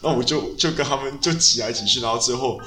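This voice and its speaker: Bright-voiced man chatting. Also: mid-range voice, fast. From Taiwan. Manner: frequent restarts, mixes in English phrases. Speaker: podcast host. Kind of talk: casual podcast chat.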